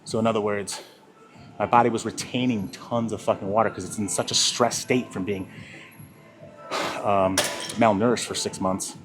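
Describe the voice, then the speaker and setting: A man's voice: fairly low pitch, steady tone, normal speed, pauses often, noisy background. Breathless man rambling at the gym. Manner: rambling, profane, sidetracked. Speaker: fitness vlogger. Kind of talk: casual gym vlog talk. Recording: music playing clearly behind.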